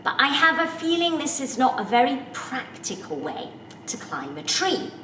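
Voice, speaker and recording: A woman telling a folk tale to children in an unhurried, expressive way, speaking directly to her listeners. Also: high-pitched, far from the mic, slight background noise. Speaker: storyteller. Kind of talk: storytelling for children. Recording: roomy echo, voice from off the mic, faint background.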